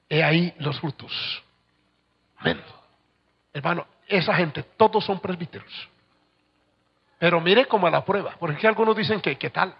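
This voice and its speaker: A man preaching a sermon as pastor, telling a story and swinging from hushed tones to shouts. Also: sits high, gravelly. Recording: dull lo-fi recording with long hall reverb.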